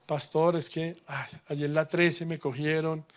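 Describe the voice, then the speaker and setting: A man's voice: a little high, level tone, unhurried, lightly acted. A man voicing a young man, sheepishly telling his pastor a story.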